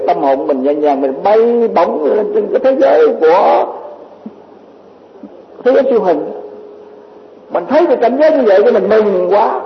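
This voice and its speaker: A man with a high voice delivers a rambling Buddhist dharma talk, circling back and repeating words with many fillers. The sound is dull and lo-fi, with a long hall reverb trailing each phrase. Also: a little hiss or hum. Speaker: Buddhist teacher.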